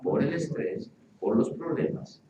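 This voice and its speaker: Male pastor, animated and playful sermon delivery, heard from a distance in a roomy church. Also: medium pitch, measured pace, noisy background. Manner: animated, playful, acts out quoted voices. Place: church hall with congregation.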